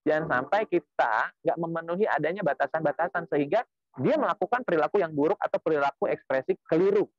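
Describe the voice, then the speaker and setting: A man with a fairly high voice lectures at a parenting seminar, explaining step by step and dotting his points with little tag asides and pious phrases. The sound is dull and lo-fi, dry and close, with faint music underneath. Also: fast, no echo.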